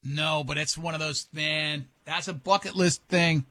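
A man's voice: a little high, steady tone, a little slow, sharp tone, dry recording. A man hosting a morning radio show, joking brashly and talking over his guests.

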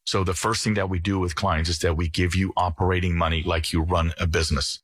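Man, middle-aged, from the Netherlands, financial advisor, earnest folksy pitch, low-ish voice, dry close mic. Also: flat delivery, fairly quick, a bit bright, breathy edge, no echo. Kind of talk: radio show talk.

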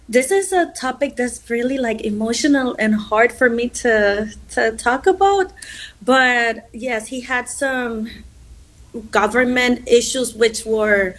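Honduran woman, fairly high pitch, hesitant interview guest. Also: fairly bright tone. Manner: hesitant, searching for words, many fillers. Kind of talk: conversational interview answers.

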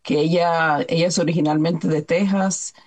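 A woman's voice: sits low, steady tone, moderate pace, darkish tone, slightly rough. A woman from New York, a children's book author, talking in a radio interview and stopping now and then to search for words.

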